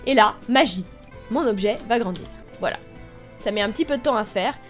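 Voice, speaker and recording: A woman's voice: a little high, animated, brisk, faint music behind. A young woman from Brittany walking viewers through a game on screen, chatty and explanatory, spelling things out step by step. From Brittany, France. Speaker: gaming YouTuber. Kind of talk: screen-recorded game tutorial.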